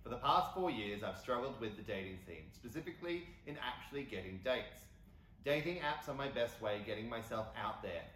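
A man's voice: mid-range voice, expressive, fairly quick, fairly bright tone, slight background noise. A man with an Australian accent on a live convention panel, reading a listener's question aloud. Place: convention panel stage before an audience. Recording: echoey hall, off-mic, faint ambience.

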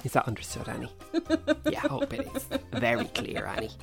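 A man reads listener questions as a teasing podcast co-host. His voice is gravelly and swings about in pitch, with faint music behind the casual chat. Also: wildly swooping pitch, fairly quick, fairly bright tone. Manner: teasing, mock-scolding.

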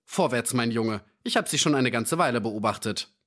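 A man voicing a big London policeman who gives orders gruffly and sounds threatening. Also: mid-range voice, expressive, normal speed, a bit bright. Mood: stern.

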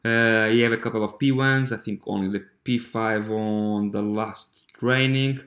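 A man from Portugal with a Portuguese accent, hosting a podcast in a halting, casual monologue full of fillers and restarts. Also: fairly low pitch, fairly even intonation, a bit bright, reverberant. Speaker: podcast host.

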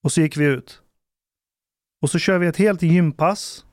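A man's voice: fairly high pitch, no room sound, clean studio sound. A man hosting a podcast, telling a story in casual chat and acting out what people said. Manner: animated storyteller acting out quotes. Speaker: podcast host.

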